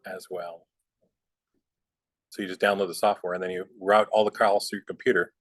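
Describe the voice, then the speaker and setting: Dry-sounding relaxed male instructor. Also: sits low, moderate pace, dry recording. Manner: relaxed, rambling, lots of fillers. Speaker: bookkeeping instructor. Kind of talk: casual software class with chatty asides.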